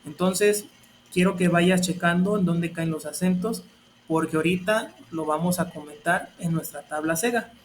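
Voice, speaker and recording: Male teacher, high voice, patient lesson delivery. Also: moderate pace, slight background noise. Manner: patient, step-by-step explaining. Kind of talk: explaining a grammar lesson.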